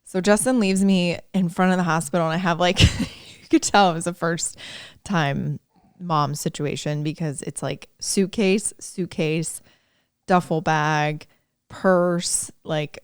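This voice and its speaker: A woman in her thirties with a low, gravelly voice tells a story on her podcast in a loose, chatty way. She laughs often and slips into quoted voices. The sound is close and dry. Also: fairly even intonation, unhurried, no room sound. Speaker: podcast host. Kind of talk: casual storytelling chat.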